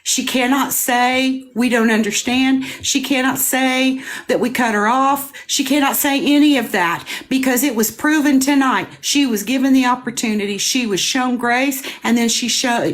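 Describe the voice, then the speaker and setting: A woman hosting a live panel debate, making her points emphatically and repeating them. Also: on the high side. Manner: emphatic, repetitive, explanatory. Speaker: panel host.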